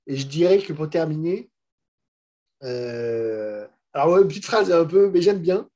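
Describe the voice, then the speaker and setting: A man's voice: a little high, expressive, measured pace, dark tone, lo-fi sound. A middle-aged French man speaking frankly and casually to students in a master class, with many restarts and fillers. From France. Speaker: managing director and guest speaker.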